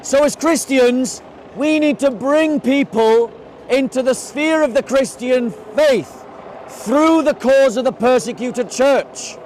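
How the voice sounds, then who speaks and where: A man giving a forceful, rallying open-air speech outdoors. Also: extremely high pitch, slow pace, a little hiss or hum, rough recording. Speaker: street preacher. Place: outdoors in a city park.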